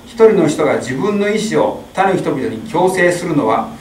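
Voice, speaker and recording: A middle-aged man reads a prepared sermon translation in a steady, even way, slipping now and then. His voice sits a little high for a man. The sound carries an echo from the chapel, with a faint hum of ambience from the distant mic. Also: moderate pace. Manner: steady reading with small slips. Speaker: interpreter at a Mass. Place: small chapel. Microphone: stand mic.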